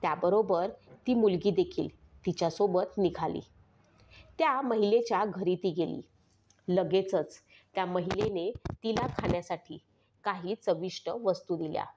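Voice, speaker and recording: A woman's voice: fairly low pitch, a little slow, darkish tone, slight background noise. Woman narrating a story, dull lo-fi sound. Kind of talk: scripted true-crime storytelling. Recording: slightly dull lo-fi recording.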